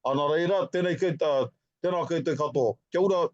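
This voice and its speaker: A man's voice: a little high, brisk, dull audio. A man with a Māori New Zealand accent hesitantly giving a casual family introduction. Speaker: participant introducing his family.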